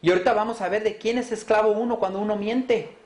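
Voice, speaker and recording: A man's voice: high voice, steady tone, quick pace, darkish tone, echoey room. A man preaching a sermon, asking his listeners rhetorical questions and answering them with rising emphasis.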